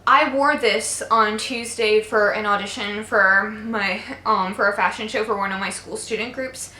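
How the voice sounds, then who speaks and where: A woman's voice: mid-range voice, pushed and bright, slight background noise. A young woman talking casually in a makeup favorites vlog, chatty and gushing, with many fillers. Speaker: beauty vlogger. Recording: echoey room.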